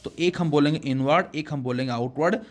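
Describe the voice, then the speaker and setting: A man teaching a physics lesson, explaining slowly and addressing his students as children, with words his speech. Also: fairly high pitch. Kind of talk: classroom lesson.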